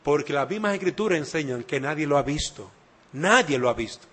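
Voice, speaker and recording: A man's voice: fairly high pitch, expressive, a little fast, a bit bright. A man preaching a sermon, emphatic and repeating key phrases, speaking straight to the listener. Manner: addresses listener directly.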